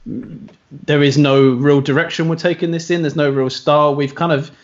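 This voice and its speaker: A man's voice: a little high, steady tone, moderate pace, dull audio. A man, a band member chatting loosely in an interview, often restarting his sentences. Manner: rambling, self-correcting. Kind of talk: casual video call interview.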